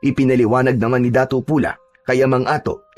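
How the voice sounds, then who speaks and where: A man narrating a horror folk tale in an even, unhurried storytelling manner. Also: mid-range voice, soft background music.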